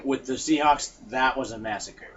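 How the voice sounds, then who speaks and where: A man's voice: mid-range voice, normal speed. A man co-hosting a casual wrestling podcast, rambling with joking asides, on a muffled lo-fi recording. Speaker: podcast co-host. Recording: muffled lo-fi recording with faint hiss.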